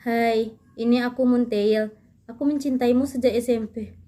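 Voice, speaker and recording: A gentle young man bids a soft farewell as he dies, read out by a woman in her own high voice. The tone is quiet and tender, close to plain reading. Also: fairly even intonation, normal speed, lightly acted. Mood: wistful letter.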